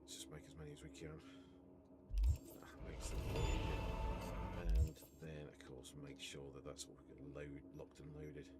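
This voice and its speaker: Male gamer, very low voice, casual muttered sweary commentary, loud game noise behind. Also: little pitch movement, unhurried. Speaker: gaming streamer.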